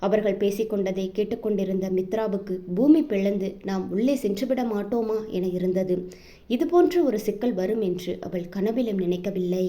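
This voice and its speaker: A woman reading a romance novel aloud as an audiobook narrator, in an even storytelling manner. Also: mid-range voice.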